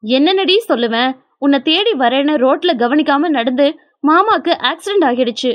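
Woman voicing a sharp, scolding elder sister-in-law. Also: high-pitched, lively intonation, normal speed, lo-fi sound.

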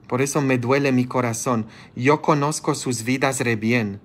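A man preaching as a priest, scolding his listeners with fervor and breaking into sudden high-pitched outbursts. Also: fairly even intonation, moderate pace. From grew up as a child of immigrants. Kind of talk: sermon. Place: church, streamed live.

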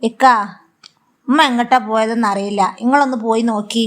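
A woman's voice: a little high, fairly even intonation, brisk, natural voice. A woman voicing a kind but firm young daughter-in-law who speaks earnestly, with a Malabar Malayalam accent. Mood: concerned. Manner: earnest, reproachful.

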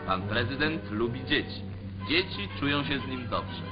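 A man's voice: mid-range voice, lively intonation, normal speed. A man giving formal, declamatory scripted commentary for an old 1940s newsreel. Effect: old 1940s newsreel sound. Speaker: newsreel narrator. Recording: dull lo-fi 1940s newsreel track. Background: music under the voice.

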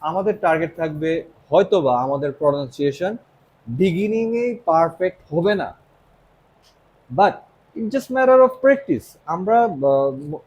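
A young male teacher with a Bangladeshi accent talks in a casual, encouraging way, mixing in English phrases and checking in with "right?" His voice sits a little high. A faint hum of noise runs behind him. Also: darkish tone, rough recording. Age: young adult. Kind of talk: motivational lesson to students.

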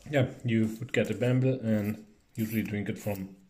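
In a home kitchen, a young cooking vlogger tries food while chatting casually, rambling, hesitating and joking. His voice is lowish and steady at a normal speed, and the sound is roomy with a noisy background.

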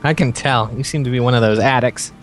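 A young man hosting a game session with friends, joking and swearing in loose, sing-song chat. His voice sits at an ordinary middle pitch. Faint music plays underneath. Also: fast talker. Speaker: let's play host. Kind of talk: casual gaming chat.

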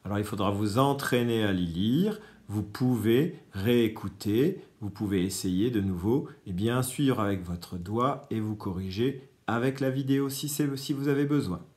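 A man's voice: fairly low pitch, normal speed, few pauses, a little mellow. A man teaching a reading lesson to young children, patiently stressing each key word.

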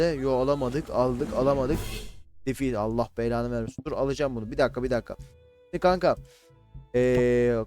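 A man talks through a battle game in loose, casual commentary, often yelling and swearing at his units. His voice sits a little high. Game music plays faintly behind him. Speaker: gaming YouTuber. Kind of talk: casual Let's Play commentary.

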